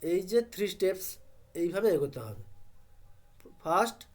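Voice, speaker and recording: High-voiced man teaching pronunciation. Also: lively intonation. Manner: asks and answers his own questions, drills syllables slowly. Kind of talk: step-by-step pronunciation lesson.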